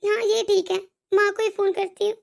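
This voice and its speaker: Woman voicing a very high fed-up young wife. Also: little pitch movement, normal speed, vocal fry, darkish tone, full character voice. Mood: aggrieved. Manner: complaining, pleading. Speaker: daughter-in-law. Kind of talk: animated moral story.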